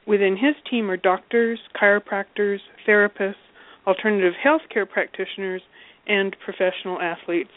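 A woman's voice: medium pitch, steady tone, normal speed. A woman hosting a call-in radio show, steadily reading through her introduction of the guest. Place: Alberta. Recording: dry tinny phone line.

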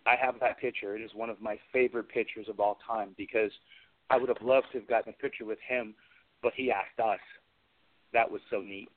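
The craftsman's voice comes through lowish and fairly even, and he talks briskly on the tinny phone-line radio interview. Still a chatty middle-aged guest, he spins stories and voices the exchanges he's describing.

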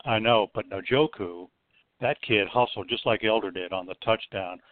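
Low-voiced man calling in over the phone. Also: no room sound. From Florida. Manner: chatty, rambling fan, piles on quick points. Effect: heard over the phone. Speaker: radio call-in caller. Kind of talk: casual call-in chat. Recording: tinny phone line, dry.

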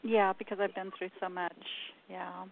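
A woman's voice: medium pitch, little pitch movement, normal speed, gravelly. A woman calling in to a radio show over the phone, hesitant and trailing off mid-sentence. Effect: caller heard over a phone line. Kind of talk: call-in reading. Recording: tinny phone line with faint hiss.

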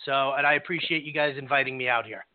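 A man's voice: medium pitch, steady tone, fast, no echo. A man speaking casually as a guest sports analyst on a talk show, over a phone line. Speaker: guest fantasy football analyst. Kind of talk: casual chat. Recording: narrow, dry phone line.

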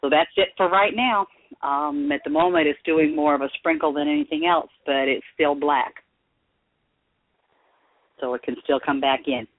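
A man from Florida calling into a talk show on speakerphone, chatting in a relaxed, rambling way about the weather where he lives. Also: fairly high pitch, normal speed, no echo. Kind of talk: casual chat, weather report. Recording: tinny dry phone line on speaker.

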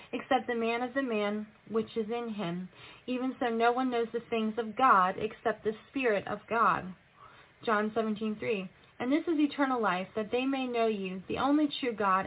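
A woman's voice: on the high side, moderate pace. A woman delivering religious prophecy and scripture in a solemn, admonishing manner. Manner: solemn, admonishing, rhetorical questions. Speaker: self-styled prophetess delivering a message as God. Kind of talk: prophetic proclamation and scripture reading. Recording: tinny, phone-like narrow-band audio.

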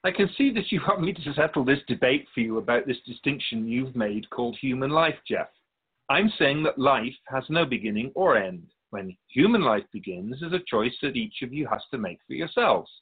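Being interviewed in a radio drama script, the otherworldly spirit, played by a man, lays things out in a measured, explanatory way, gently pedantic and patient. The animated voice sits at medium pitch, husky and sweeping up and down, heard through a thin, phone-like sound.

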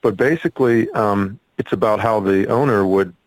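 Man, low voice, earnest, hesitant, casual interview guest, dry sound. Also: moderate pace, no echo, low-quality recording. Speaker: guest, musician and actor.

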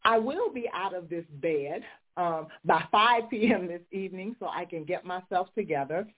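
A woman hosting a faith talk show speaks at normal speed in an expressive, lowish voice, with background noise and a tinny phone-line sound. Though congested and recovering from illness, she preaches fervently, making decrees and building to preaching fervor.

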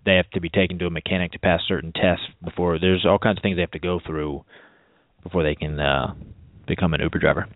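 Deep-voiced man, narrow phone-line sound. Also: fast, no echo. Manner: animated storyteller, voice jumps up in quotes. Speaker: radio show co-host. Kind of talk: casual chat.

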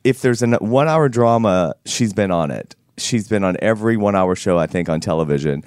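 A man with a slightly hoarse, froggy voice hosting a talk show with playful, teasing banter. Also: low-pitched, expressive, fairly quick, a little mellow, dry recording, clean studio sound.

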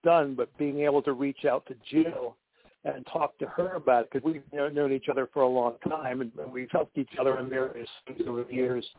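A man's voice: mid-range voice, fairly even intonation, dry recording. Guy on a bad conference call, tinny phone sound, cuts out, keeps restarting words. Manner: halting, repeats and restarts words. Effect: conference call line that keeps breaking up. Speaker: guest. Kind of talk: candid personal talk.

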